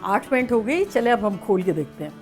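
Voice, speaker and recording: A woman's voice: medium pitch, lively intonation, a little fast, faint music behind. A woman hosting a home cooking demonstration, chatty and playful as she talks through each step. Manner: chatty, playful, sings snatches of songs. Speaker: cooking show host.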